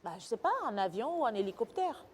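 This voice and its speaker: Earnest woman, lively high voice. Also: quick pace, very noisy. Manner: earnest questioning, hesitant fillers. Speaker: comic parliament member. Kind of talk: sketch comedy. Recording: long reverb of a stage hall.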